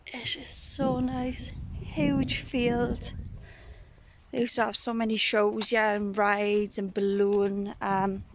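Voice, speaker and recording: A woman's voice: mid-range voice, level tone, slow pace, background noise. Chatty woman vlogging to her phone. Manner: chatty, rambling, self-correcting. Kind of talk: casual day-in-the-life vlog. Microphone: phone at arm's length.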